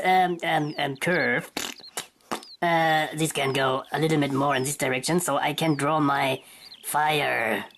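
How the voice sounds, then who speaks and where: A woman's voice: a bass voice, a bit bright, slight background noise. A woman hosting a drawing tutorial, talking her way through a sketch and searching for words in English as she goes. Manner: thinking aloud while sketching.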